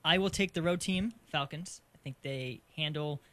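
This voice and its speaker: A man from Arizona co-hosting a casual sports podcast, easygoing and quick to laugh. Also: a little high, pushed and bright. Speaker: podcast co-host. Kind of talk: casual sports picks chat.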